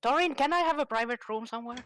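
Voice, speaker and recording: Higher-voiced woman playing a tabletop game. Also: fast. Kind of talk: casual in-character table chat.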